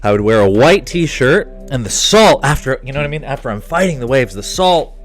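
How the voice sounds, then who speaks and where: A man telling a crude, rambling comic story with excitable energy and lots of asides. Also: mid-range voice, a little fast, faint music behind. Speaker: comedy vlogger.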